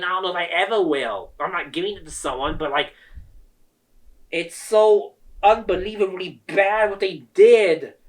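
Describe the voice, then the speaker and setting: Angry solo rant from a male creator; high, bright voice, slightly off-mic. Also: distant mic. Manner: heated, swearing, quotes people in mock voices. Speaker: gaming video creator. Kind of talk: angry ranting monologue.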